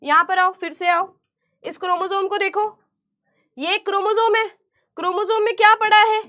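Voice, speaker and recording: A woman teacher giving an online class lecture, animated and repeating key terms back to her students as questions. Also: very high-pitched, moderate pace.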